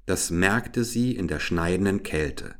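A man narrating a fairy tale in a slow, deliberate storytelling manner. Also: low voice.

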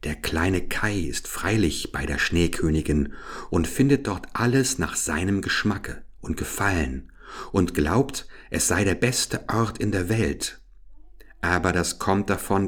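A man voicing an old Finnish wise woman in a fairy tale, speaking earnestly with raised emphasis. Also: low-pitched. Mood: confiding.

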